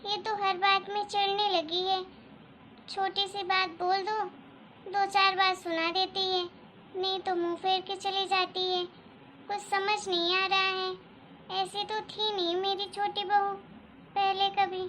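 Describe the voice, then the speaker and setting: A gentle fretting mother-in-law. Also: very high voice, level tone, unhurried, a little hiss or hum. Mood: worried. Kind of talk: Hindi cartoon story dialogue.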